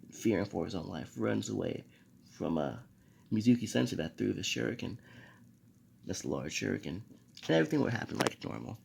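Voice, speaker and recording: A young man with a low, gravelly voice casually tells a homemade fan story, stumbling over fillers and restarts as he goes. Faint noise sits behind his voice. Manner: rambling with many fillers and restarts.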